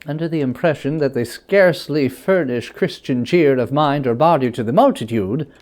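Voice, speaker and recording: A reader playing a portly, polite gentleman collecting for charity in a storybook reading, formal and hesitant. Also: mid-range voice, moderate pace, natural voice. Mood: earnest, hesitant.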